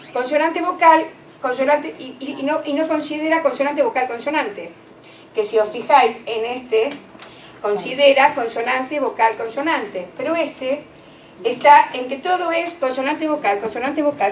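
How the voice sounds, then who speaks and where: A woman giving a conference lecture on children's writing, explaining with many fillers and restarts. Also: sits high. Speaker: lecturer on early literacy. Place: conference hall. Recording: echoey hall, distant mic, faint noise.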